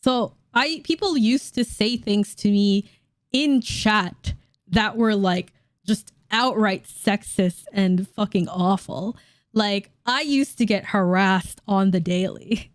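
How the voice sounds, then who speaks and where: A woman in her late twenties reacting to online comments in a casual vlog, blunt and quick to laugh, swearing casually. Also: mid-range voice, dry recording, studio quality. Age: late 20s. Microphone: dynamic studio mic.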